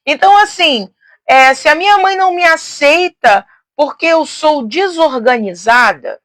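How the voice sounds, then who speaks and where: A high-voiced woman teaching in a casual, outgoing way. She speaks loudly and expansively, often adding tag questions and restarting her sentences. The sound is dry, with no room echo. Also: animated, a little slow. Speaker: teacher and host. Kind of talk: casual teaching on faith and psychology.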